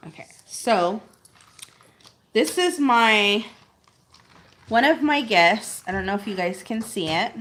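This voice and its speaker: A woman's voice: mid-range voice, slow, pauses often, a bit bright. A woman co-hosting a casual live-stream vlog, chatting and laughing often. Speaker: vlog co-host.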